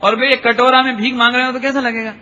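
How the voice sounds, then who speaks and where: A man giving a devotional lecture, chanting scripture verses slowly and explaining them with questions put to the listeners. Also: very high-pitched, flat delivery, bright, forceful tone. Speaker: Jain preacher. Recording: dull lo-fi recording in a reverberant hall.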